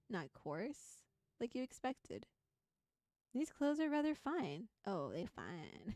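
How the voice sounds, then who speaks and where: On a stream with music underneath, a woman with a mellow, fairly high voice reads a visual novel aloud. She alternates between narrating the text and playful, giggly, chatty side comments in a casual live style.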